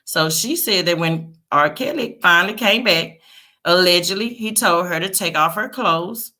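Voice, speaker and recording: A woman with a low-pitched voice hosts a celebrity news livestream. She talks casually and directly to her audience, often checking in with them as she goes through the story. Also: normal speed, bright, forceful tone. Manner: chatty, addresses viewers as "y'all" and "you guys" with frequent "okay?" tags. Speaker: host of a celebrity gossip livestream.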